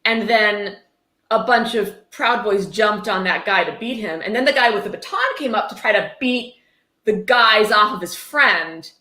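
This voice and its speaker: In a sharp-toned, mid-range voice at normal speed, a woman reads a book aloud on her casual livestream. Wry, sarcastic and blunt comments punctuate the reading, in a roomy, echoey recording.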